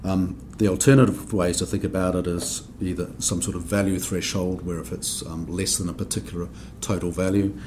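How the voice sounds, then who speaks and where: On a podcast, a deep-voiced New Zealand man who sits on an accounting standards board explains technical points at a steady pace, though also brisk with few pauses. He often hesitates with ums and restarts, and faint hiss lies under his voice.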